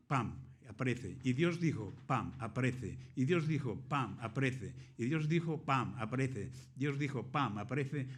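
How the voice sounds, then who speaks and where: A man from Catalonia preaching a sermon in Spanish with a Catalan accent, reading scripture aloud and then explaining it with rhetorical questions and dramatic pauses. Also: medium pitch. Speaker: pastor.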